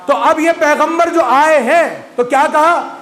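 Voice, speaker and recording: A man's voice: very high-pitched, a bit bright. A man from Pakistan giving a Muharram majlis sermon, often putting rhetorical questions to his listeners. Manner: rhetorical, asks the audience questions. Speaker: Shia majlis speaker. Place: large imambargah hall. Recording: echoey hall recording, faint room ambience.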